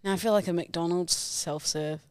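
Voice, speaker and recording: A woman's voice: on the low side, normal speed, darkish tone, clear, resonant tone, no echo, studio quality. A woman bantering casually as a podcast co-host, teasing and blunt.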